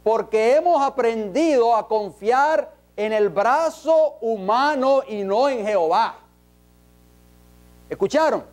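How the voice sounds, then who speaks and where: A man's voice: very high voice, animated, slow, darkish tone. A man preaching an emphatic sermon in a church, peppering the congregation with rhetorical questions.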